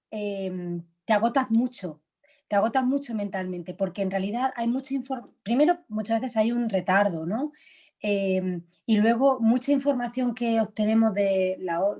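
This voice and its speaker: Here the actress, an interview guest, talks in a mellow, medium-pitched voice. Her relaxed answers are chatty and thoughtful, punctuated by laughter and plenty of fillers.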